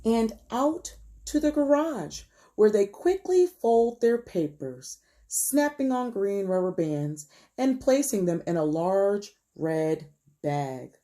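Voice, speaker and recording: An elementary school teacher, a woman, reads a picture book aloud to young children slowly and carefully, pausing to ask her pupils questions. Her mellow voice swings widely in pitch, and her expressive, gentle storytelling often drops to a hush to draw the children in.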